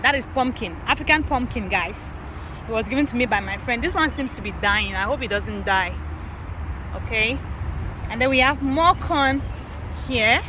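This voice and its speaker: Woman from Cameroon, gardening vlogger, high-ish voice, chatty tour, wind and traffic noise outside. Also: animated, moderate pace. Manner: chatty, addresses viewers as guys. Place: outdoor garden, windy.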